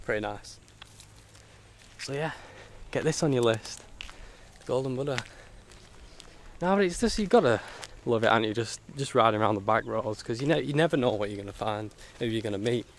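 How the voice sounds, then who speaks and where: A man's voice: medium pitch, fairly quick. A man chatting casually to camera as a travel vlogger, colloquial and matey, with mild swearing. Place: outdoors on rural roads and temple grounds. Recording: outdoor ambient and motorbike noise.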